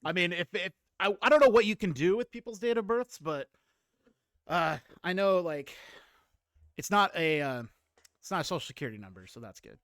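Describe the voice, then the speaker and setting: Man, late thirties, chatty stream host, rambling, slightly high voice, dry close sound. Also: lively intonation, moderate pace, fairly bright tone, no echo. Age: 30s. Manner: rambling, laughs often, greets chat. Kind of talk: casual chat.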